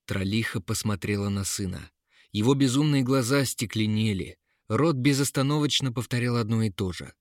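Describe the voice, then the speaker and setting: A man narrating a fairy tale in a dramatic, measured way, close to the mic. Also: on the low side, dry recording. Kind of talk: storybook narration.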